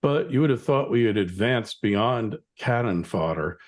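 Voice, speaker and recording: A man's voice: on the low side, lively intonation. Chatty middle-aged male podcast host. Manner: chatty, rambling, quick opinions. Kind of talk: conversational interview.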